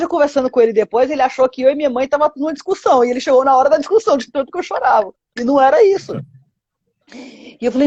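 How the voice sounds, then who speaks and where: A woman's voice: high voice, darkish tone, no echo, highs cut off. A woman with a Brazilian Portuguese accent telling her testimony to a pastor in an interview, acting out quoted dialogue with lots of 'sabe?'. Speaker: guest giving a testimony.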